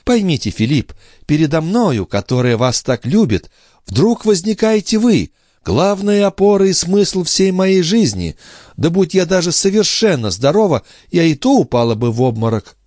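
A nervous, fragile young woman, read by a male narrator who talks in breathless, high exclamations. Her pitch swoops widely as she protests. The audiobook sound is dry and close. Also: big pitch swings, moderate pace, a little mellow, dry recording. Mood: agitated, fluttery.

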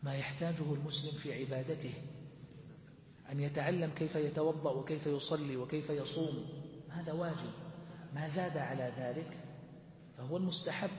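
In a large mosque hall with long, echoing reverb, a man with a fairly high but darkish voice methodically explains a classical religious text to students, posing questions and answering them himself. A slight hiss or hum sits in the recording.

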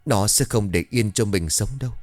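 Man playing an older village builder, stern, solemn, deep low voice, dry recording. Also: normal speed, darkish tone, dry recording, soft background music, close to an everyday voice. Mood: grave.

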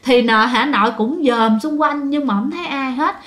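A storyteller with a Southern Vietnamese accent chats her way through ghost stories, often speaking straight to her listeners. Her voice is high and a bit bright, at a normal pace.

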